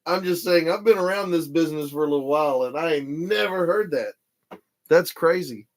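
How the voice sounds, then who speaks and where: Man, 50s, livestream host, chatty, slightly high-pitched. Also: fairly quick. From Texas. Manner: chatty, reads viewer comments aloud. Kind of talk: casual livestream chat.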